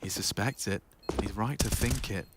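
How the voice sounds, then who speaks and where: A man's voice: on the low side, moderate pace, noisy background. A man doing live esports play-by-play commentary in dramatic, short punchy phrases.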